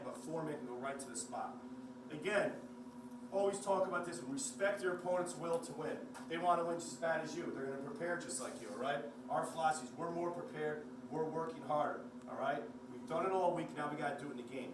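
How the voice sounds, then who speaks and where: A man coaching a basketball team in a pregame pep talk, speaking in emphatic, clipped commands and often checking with short tag questions. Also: on the high side. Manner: repeatedly checks understanding with "all right?". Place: echoey indoor room. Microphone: distant microphone. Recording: echoey room, far mic, noisy.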